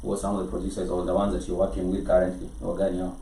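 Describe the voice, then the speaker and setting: A man's voice: low-pitched, monotone, racing, warm tone. A man with a Kenyan accent hosting a conversational music interview, wordy and often repeating himself as he mixes English and Swahili. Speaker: interviewer, show host. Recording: roomy, distant mic with faint noise.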